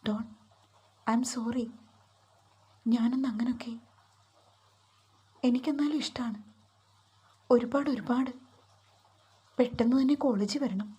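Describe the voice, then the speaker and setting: A woman voicing a shy, hurt young college girl in a storybook reading, speaking softly and hesitantly. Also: medium pitch, moderate pace, long pauses, husky, lightly acted. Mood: earnest.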